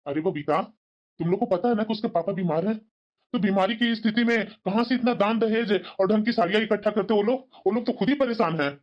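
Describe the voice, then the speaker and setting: A kindly, patient father in a cartoon family drama, as a performer voices him. He gently lectures his family in a middle-pitched voice, and the lo-fi recording sounds dull. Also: quick pace, lightly acted. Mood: reasoning. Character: kindly middle-aged father, elder brother. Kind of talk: cartoon voice acting. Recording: dull lo-fi audio.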